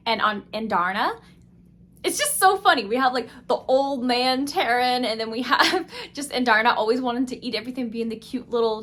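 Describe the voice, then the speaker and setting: A young woman giving an excited, gushing book review vlog, full of fillers and laughter. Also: a little high.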